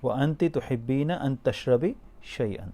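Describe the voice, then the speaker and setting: Slowly and clearly, a man with a mellow, mid-pitched voice says each Arabic phrase and then asks the listener to repeat it. It's a spoken language drill lesson, and he offers learners cheerful encouragement.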